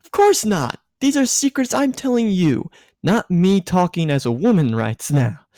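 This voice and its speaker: Voicing a tipsy, insistent grown woman who bosses others around, a man raises his pitch far above normal and rambles emphatically, like a giggly guardian giving advice during a story reading. The exaggerated performance swings widely in pitch at a measured pace, with a dark tone, captured in a dry recording.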